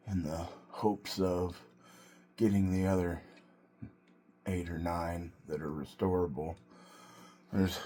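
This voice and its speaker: A man with a very low voice talks through a casual solo vlog. He takes his time, speaking slowly in short, broken phrases with a reflective, halting delivery. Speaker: vlogger and self-employed car restorer.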